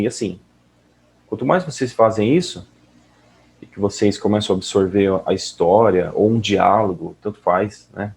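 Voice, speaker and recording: A man teaching English listening in a casual, relaxed way, often checking in with the listener. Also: on the low side. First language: Portuguese. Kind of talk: casual explanatory lesson.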